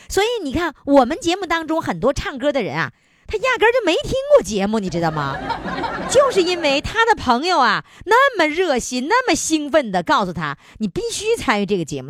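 A woman's voice: high voice, noisy background. A woman hosting a radio call-in show, chatty and playful, laughing often.

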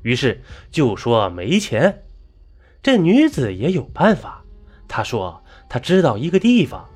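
Male storyteller, animated, exclamatory, husky, faint music behind. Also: mid-range voice, unhurried. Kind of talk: dramatic storytelling narration.

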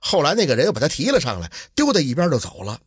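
A man narrating an old folk tale in a lively, colloquial storytelling manner. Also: fairly high pitch, quick pace, slightly rough, no echo, studio quality.

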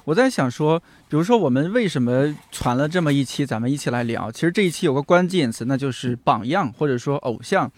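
A man's voice: on the high side, animated, brisk, hardly any pauses, dry recording. A man in his thirties hosting a casual conversation and putting questions to his guest. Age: 30s. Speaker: podcast host.

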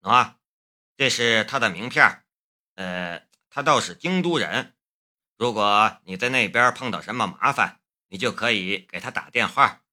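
Audiobook: young protective elder brother, gruff, slightly lowered voice , read by a man. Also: expressive, measured pace, sharp tone, exaggerated voice. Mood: explaining. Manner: gruff, mock-stern.

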